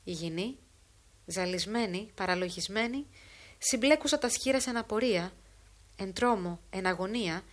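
A woman narrating an old literary tale in a measured, solemn audiobook reading. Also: medium pitch.

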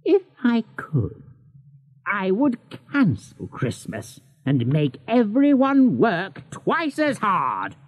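Brief: wheezy old miser for an audiobook, slow and swooping, dull lo-fi audio. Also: male voice, high-pitched, huge pitch swings, pitched above the performer's own voice, exaggerated voice. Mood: scornful. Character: miserly bitter old man, cold and scornful.

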